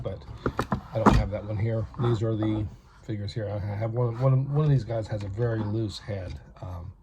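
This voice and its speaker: A man's voice: fairly low pitch, noisy background. A man from North America giving a rambling, chatty hands-on toy review with self-aware asides.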